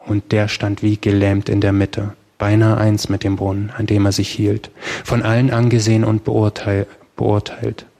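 A man narrating a story aloud in a steady, measured reading voice. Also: lowish voice, gravelly. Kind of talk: audiobook narration.

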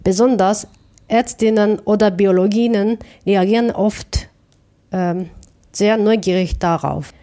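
This artist, a woman from Japan whose native language is Japanese, responds to interview questions about her art with care and thought, making small restarts. She speaks at medium pitch, unhurried, with a dark tone.

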